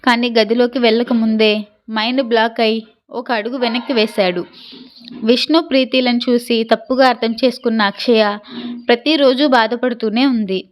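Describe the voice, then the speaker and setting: Female storyteller, measured serial narration, a touch high-pitched. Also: fairly even intonation.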